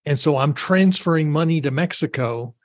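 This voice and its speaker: Higher-voiced man hosting a podcast. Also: moderate pace, dry recording, clean studio sound. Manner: conversational, matter-of-fact with some hesitations. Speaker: podcast host. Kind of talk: casual interview talk.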